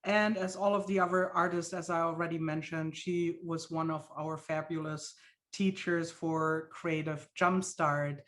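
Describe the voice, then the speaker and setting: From her home studio, a German woman with a German accent hosts an art webinar over video call, chatty and casual with frequent fillers and laughs. Her voice is low, fairly even in intonation, and a little slow.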